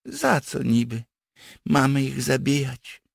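A man voicing a cynical rustic man with hidden powers, talking gruff and earthy in an audiobook. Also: mid-range voice, big pitch swings, takes it slowly, no echo, clean studio sound, voice pushed up, exaggerated voice. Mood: gruff scheming. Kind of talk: audiobook character voice.

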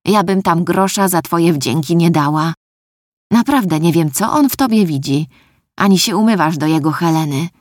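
A woman's voice: on the low side, moderate pace, no room sound, studio quality, lightly acted. A woman voicing a scornful old dwarf granny. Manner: scornful, blunt scolding. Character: sharp-tongued old female dwarf, scolding. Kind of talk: audiobook character voice.

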